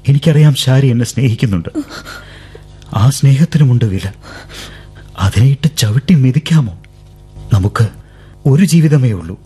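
In a 1970s radio drama, an actor in the lead role plays an earnest young suitor pleading with the woman he loves to leave with him. His medium-pitched voice is warm with a breathy edge, lively in intonation at normal speed, pausing often. The old broadcast carries faint music.

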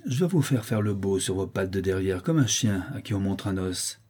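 A man's voice: sits low, animated, normal speed, a little mellow, husky. A man voicing a lame, mocking boy who taunts cruelly in a sing-song way. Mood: jeering.

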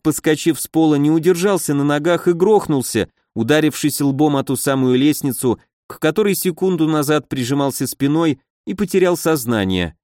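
Male narrator for a fantasy audiobook, even and steady, dry close sound. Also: a little high, no echo. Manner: even storytelling, voices characters.

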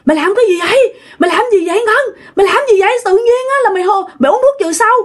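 A woman voicing a panicked older woman who shouts frantically in alarm. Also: extremely high pitch, animated, racing, voice pushed up. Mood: alarmed shouting.

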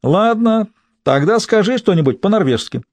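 A man's voice: sits high, animated, moderate pace, a little mellow, no echo, voice pushed up. A man voicing a flamboyant, teasing young man who jokes constantly, in an audiobook. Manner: camp and teasing. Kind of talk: audiobook character voice.

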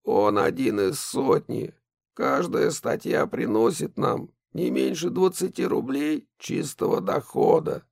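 Reader doing a nervous gravelly son, kinda husky, slow resigned talk, audiobook. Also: male voice, a little high, wildly swooping pitch, darkish tone, dry recording, studio quality, pitched above the performer's own voice, full character voice. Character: middle-aged son, nervous and secretive.

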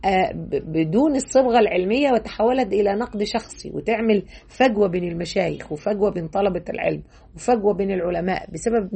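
Middle-aged Egyptian woman lecturer, quick husky delivery, emphatic colloquial teaching with stammered restarts. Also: mid-range voice, a little mellow. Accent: Egyptian Arabic. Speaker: religious lecturer. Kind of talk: religious lesson commentary.

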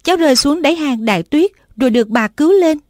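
A timid young girl calling out to her grandfather, voiced by a woman narrator, pitched higher and a bit louder than the narration and eager. The sound is dry and close. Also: lively intonation, fast talker, no room sound.

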